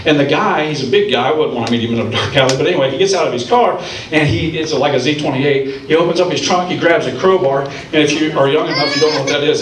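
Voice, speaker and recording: A man from Ohio doing a stand-up comedy set, telling stories with punchlines in an animated way. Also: a little high, reverberant, recorded from a distance, background noise. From Ohio, United States. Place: comedy club stage.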